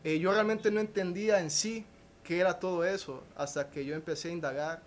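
A young man, a podcast guest telling a personal testimony in a halting way, with restarts and a questioning tag at the end of phrases. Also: high voice, a little hiss or hum.

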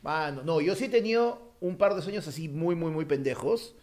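A man's voice: on the high side, normal speed, a little mellow. A man with a Peruvian accent telling a story in casual chat, acting out his own screams and quoted lines. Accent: Peruvian Spanish.

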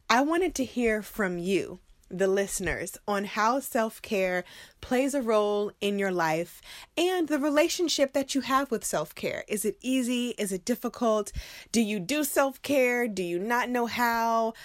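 A woman hosting a podcast, welcoming listeners in an enthusiastic, warm way. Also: mid-range voice, no room sound. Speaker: podcast host. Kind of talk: podcast host introduction. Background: music.

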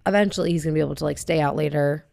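A young woman co-hosting a podcast, chatting casually in a relaxed, rambling way full of fillers, into a podcast microphone. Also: low-pitched, racing, creaky, no room sound, clean studio sound. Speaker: podcast co-host. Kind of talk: casual chat.

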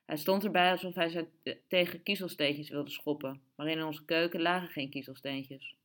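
A woman reading a story aloud in steady, measured narration. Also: sits low. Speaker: audiobook reader. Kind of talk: scripted narration.

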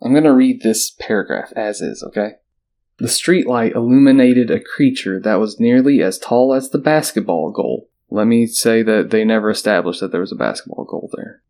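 A man's voice: lowish voice, moderate pace, a little mellow. A man hosting a casual podcast, reading a spooky article aloud and breaking off for joking asides. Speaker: podcast host.

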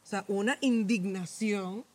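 A woman's voice: medium pitch, unhurried, crowd noise. A woman co-hosting a podcast, talking reflectively about a personal memory in casual chat. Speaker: podcast co-host.

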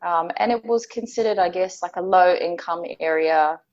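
Candid New Zealand woman, low voice. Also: moderate pace, lo-fi sound. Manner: candid, reflective, with frequent ums and soft laughs. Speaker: podcast guest. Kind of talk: personal storytelling in conversation.

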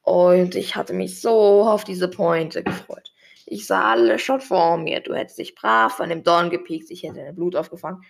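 Reader doing mournful male schemer, storybook reading, operetta-like drama, husky gravelly voice. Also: mid-range voice, moderate pace. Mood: gloating. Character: theatrical scheming male time-meddler, mournful and gloating.

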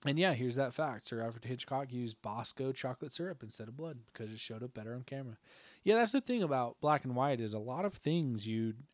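A man's voice: medium pitch, animated, brisk, no room sound. A man co-hosting a podcast in casual film chat, laid-back, swearing freely, calling his co-host "dude" and laughing often. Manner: laughs often between remarks.

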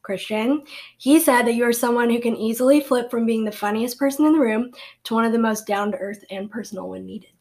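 A woman's voice: fairly high pitch, brisk, darkish tone. Chatty young woman hosting a podcast. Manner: upbeat, chatty, with frequent fillers. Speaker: podcast host. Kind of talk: casual podcast chat.

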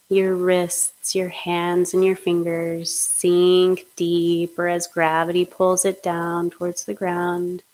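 Slow, flat-voiced woman guiding hypnosis. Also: on the low side, poor audio. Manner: slow, soothing, monotone guidance. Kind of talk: guided hypnosis meditation.

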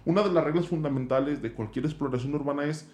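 A man's voice: on the high side, fast, a little mellow, roomy sound. A man with a Mexican accent, a guest telling stories in a casual chat, slangy and loose, dropping "güey" constantly. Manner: slangy, peppers speech with "güey". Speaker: guest, zombie walk organizer.

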